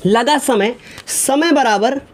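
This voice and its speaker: A male physics teacher with a very high voice speaks slowly as he solves numericals on the whiteboard step by step. He keeps checking that students follow and calls them fond, fatherly names.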